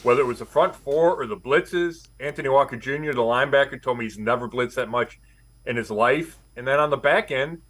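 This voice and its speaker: A middle-aged man with a medium-pitched voice gives sports analysis. He talks conversationally, as a guest on a video call. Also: fairly quick, fairly bright tone. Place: small room indoors, on a video call.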